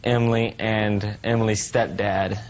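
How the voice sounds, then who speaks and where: A young man testifying as a litigant, giving short, flat, polite answers. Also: lowish voice, a little slow. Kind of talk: courtroom testimony.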